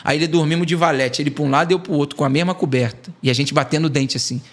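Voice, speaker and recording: Guesting on a podcast, this evangelist from Brazil shares an emotional testimony as lively storytelling, voicing each line of dialogue himself. His fairly high-pitched voice races along.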